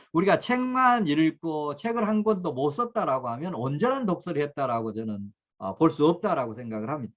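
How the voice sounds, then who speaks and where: A middle-aged man giving an earnest self-help lecture to camera, with many pauses and fillers. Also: mid-range voice, lo-fi sound.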